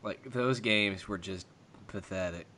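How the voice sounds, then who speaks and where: A man co-hosting a casual podcast, laughing easily and often trailing off quietly. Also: on the low side, unhurried, slight background noise. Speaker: podcast co-host. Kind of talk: casual chat.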